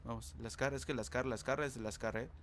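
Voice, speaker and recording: A man giving live gameplay commentary, talking to his viewers and repeating words rapidly when excited. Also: medium pitch, very noisy. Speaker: gamer.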